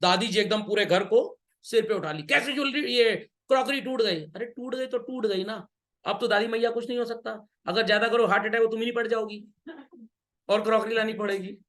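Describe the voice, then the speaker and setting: A middle-aged man's high voice is bright and sharp, steady in tone and brisk, during his online business studies lecture. Moving between Hindi and English, he keeps up playful scolding and checks that the students follow.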